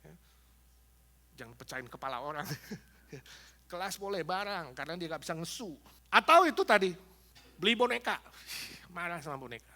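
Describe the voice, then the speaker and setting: Male pastor, sermon, high bright voice, very animated pitch, jokey acted asides. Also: moderate pace, long pauses. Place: church in Los Angeles.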